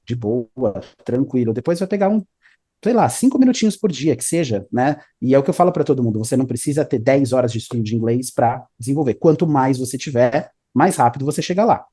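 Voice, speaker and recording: Fast-talking man explaining. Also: medium pitch, dark tone, breathy edge. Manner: explanatory, repeats 'né?' and 'tá?'. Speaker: English teacher, interview guest. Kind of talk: casual interview talk.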